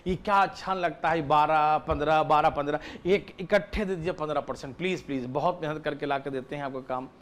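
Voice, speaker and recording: A man's voice: fairly high pitch, brisk, a little hiss or hum, voice pushed down, lightly acted. A man acting as a begging shop worker. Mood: pleading. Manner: wheedling, repeats "please" again and again. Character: pleading male shop employee asking his boss for a raise.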